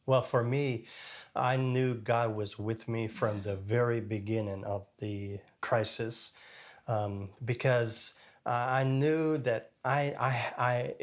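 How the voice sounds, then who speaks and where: A man from Cape Breton, a former pastor, talking as a guest in halting, slow speech full of fillers, with a French-sounding lilt left after a stroke. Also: mid-range voice. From Cape Breton, Canada. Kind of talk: interview conversation.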